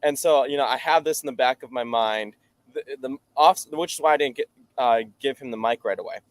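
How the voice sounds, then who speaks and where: A man's voice: medium pitch, quick pace, dry recording. A nineteen-year-old man answers as a guest on a talk show, his voice in the middle range. He explains things earnestly and at length, and the sound is dry and close. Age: late teens. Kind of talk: casual interview answers.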